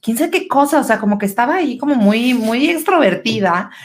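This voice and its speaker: Lively Mexican woman telling a story. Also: fairly high pitch, fairly quick, a crowd in the background. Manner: animated, laughs often, swears freely. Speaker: podcast co-host. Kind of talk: casual storytelling chat.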